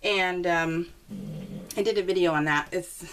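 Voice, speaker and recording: Her voice fairly low, unhurried, and a bit bright, a craft video maker rambles casually through her scrapbook pages, often cutting herself off with giggles. The home recording is clearly noisy and marked by clicks.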